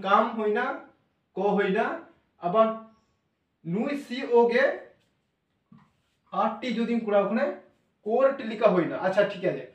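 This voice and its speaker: A male teacher explaining a lesson, spelling letters out slowly and answering his own questions. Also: sits high, far from the mic. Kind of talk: classroom-style lesson explanation. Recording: echoey room, voice away from mic.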